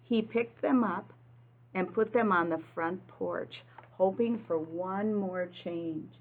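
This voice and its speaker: The audio is narrow and tinny as a woman with a lowish voice slowly reads a picture book aloud. Like an early-childhood teacher, she explains things simply to young children and poses questions to them.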